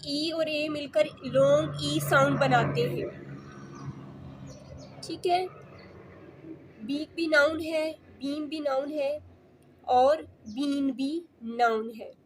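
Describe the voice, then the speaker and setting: Slow, high-voiced woman teacher. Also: slight background noise. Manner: slow, step-by-step explaining, drawn-out reading of English lines. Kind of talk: recorded English lesson explained in Hindi-Urdu.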